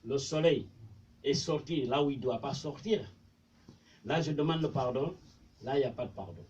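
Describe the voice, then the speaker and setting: This Senegalese preacher, heard from afar, has a mid-range, slightly mellow voice and keeps a moderate pace. His first language is Mandinka and he speaks with a Senegalese French accent, talking informally and repetitively about religion while reciting Arabic verses. Faint noise runs under the dull, distant lo-fi audio.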